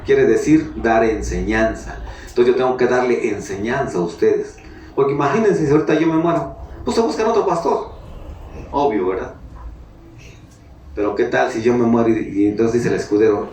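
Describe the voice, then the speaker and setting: A man's voice: mid-range voice, normal speed, darkish tone, slight background noise. A Mexican man preaching a sermon as pastor, talking in a conversational way and asking his congregation questions. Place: church hall. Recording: echoey hall, mic at a distance.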